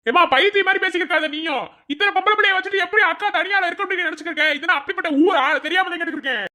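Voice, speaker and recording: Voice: very high voice, sharp tone, heavily acted. A performer voicing a greedy, scheming brother-in-law in a cartoon, a pushy man who talks over the grieving family with a Madurai Tamil accent. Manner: fast, pushy, dismissive talk. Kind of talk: cartoon voice acting.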